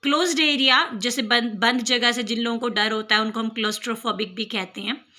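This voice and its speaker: A woman's voice: a little high, fairly even intonation, moderate pace, bright, forceful tone. A woman tutor with an Indian accent teaching English vocabulary, spelling out each word and explaining it in Hindi. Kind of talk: vocabulary lesson.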